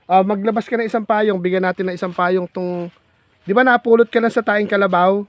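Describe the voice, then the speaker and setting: A man's voice: high voice, fairly even intonation, brisk, dry recording. A man vlogging outdoors in farm fields, chatting with a child in a playful, teasing, coaxing way. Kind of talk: casual teasing chat with a child.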